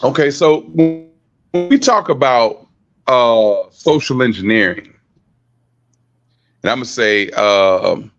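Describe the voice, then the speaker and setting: Slow halting guy on a glitchy call, audio keeps cutting out, dull lo-fi sound. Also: mid-range voice, soft background music. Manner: halting, repeats words while searching. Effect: choppy call audio breaking up and cutting out. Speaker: presenter. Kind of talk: lecture over an online call.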